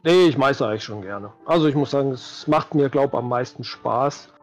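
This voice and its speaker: In a casual interview over video call from home, a man in his forties who works as a game master thinks aloud, repeating words while searching for them. He has a mid-range voice and a brisk pace, and background music is audible.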